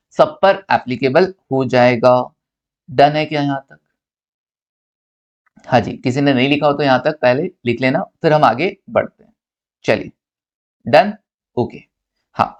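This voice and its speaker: A man's voice: mid-range voice, highs cut off. Playful, teasing male lecturer. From India. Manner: playful, teasing; asks and answers his own questions. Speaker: accountancy lecturer. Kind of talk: recorded classroom lecture.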